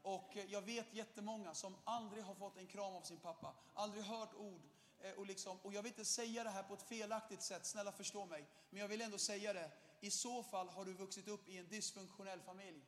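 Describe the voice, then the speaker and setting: A young man with a high voice preaches a lively, animated sermon, laughing now and then and breaking into shouted bursts. His voice rings with the long reverb of a church hall. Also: hardly any pauses.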